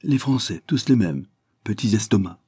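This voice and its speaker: Male reader as a greedy naval commodore, gruff and blunt, dark husky tone. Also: on the low side, lively intonation, moderate pace, no room sound, studio quality. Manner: blunt, commanding.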